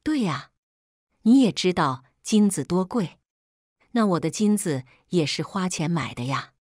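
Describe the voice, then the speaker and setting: A woman narrating a first-person family story in a conversational, exasperated way. Her voice sits low but moves a lot in pitch, and the recording is dry and close. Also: lively intonation, a little slow, darkish tone, no room sound.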